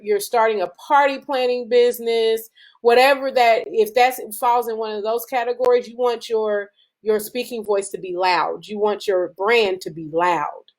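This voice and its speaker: A woman giving a casual branding lesson to a group, talking conversationally with frequent fillers and restarts, speeding up when excited. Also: mid-range voice. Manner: speeds up and slows down as she gets excited. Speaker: business branding presenter. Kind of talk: casual teaching talk to a group.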